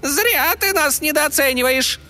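A man voicing a tiny, quick-tempered male fairy in a piercing falsetto, boastful and irritable. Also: expressive, pushed and bright, soft background music, full character voice. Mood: indignant. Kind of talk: audiobook character voice.

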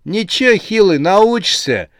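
A high, cheery male sidekick who ribs his friends and chatters on, as a narrator puts him on. The voice sounds dry and close, a storybook reading. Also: very animated, unhurried, no room sound. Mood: teasing. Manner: cheery, teasing. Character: high cheerful mocking male monster-factory worker.

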